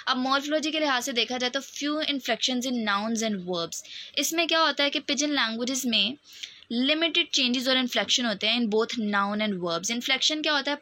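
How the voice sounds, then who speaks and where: A woman's voice: fairly high pitch, sharp tone. A woman teaching a lecture, explaining each point step by step and often checking in with "okay". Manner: explains step by step, often says "theek hai". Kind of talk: recorded lecture explaining topics.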